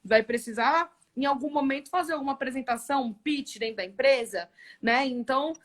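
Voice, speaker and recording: Woman executive, interview guest; lively storyteller, slightly high voice. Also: a little fast. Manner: lively storytelling with frequent tag questions. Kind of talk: casual live interview chat.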